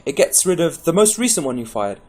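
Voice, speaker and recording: A man's voice: fairly high pitch, very animated, a little fast, a little mellow. A man giving a casual, rambling gameplay tutorial, chatty and full of restarts. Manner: caffeinated, pepped up. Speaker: game guide presenter.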